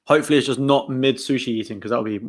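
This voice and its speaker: Young English man hosting a laid-back football watchalong, excitable delivery. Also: medium pitch, rapid-fire. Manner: excitable, shouts at the game. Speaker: channel host. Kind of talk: casual live match watchalong.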